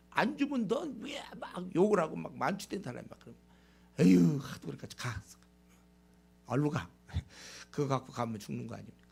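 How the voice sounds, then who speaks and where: Male pastor, impassioned sermon delivery; gravelly, fairly high voice. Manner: impassioned preaching, acts out dialogue.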